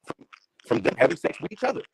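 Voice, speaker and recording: A man's voice: fast talker, slight background noise, poor audio. A man speaking earnestly over an online call whose connection breaks up, turning his voice choppy and robotic. He repeats and restarts his words. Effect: choppy, breaking-up call connection with robotic dropouts. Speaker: guest on an online call-in show. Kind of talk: casual chat.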